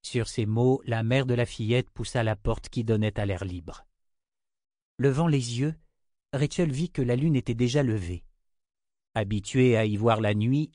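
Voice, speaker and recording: A man reads a fantasy audiobook in a measured, steady manner, his voice at an ordinary middle pitch. The sound is close and completely dry, with no room around it. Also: no echo. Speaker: narrator. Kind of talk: audiobook narration of a fantasy novel.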